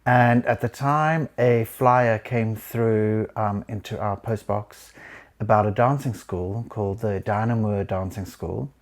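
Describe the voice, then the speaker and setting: Man, forties, low voice, reflective, pauses and restarts often, personal storytelling. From South Africa. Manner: reflective, halting with frequent ums and restarts. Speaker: choreographer. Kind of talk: recounting his life story.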